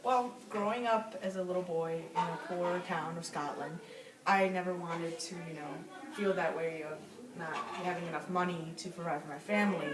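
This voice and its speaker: A woman's voice: lowish voice, steady tone, moderate pace, crowd noise, close to an everyday voice. A smug, self-made male steel tycoon in an amateur skit, played by a woman. The delivery is defiant and boastful, full of repeated rhetorical questions. It is recorded far from the mic in an echoey room with people chattering. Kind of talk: amateur student skit interview.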